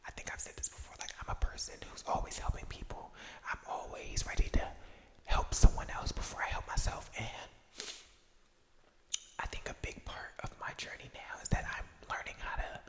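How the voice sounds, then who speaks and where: Echoing ASMR whisper, gender unclear. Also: moderate pace. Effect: echo effect on the voice. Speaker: ASMR video creator. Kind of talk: whispered ASMR rambling, casual personal chat. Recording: long echoing reverb on whisper.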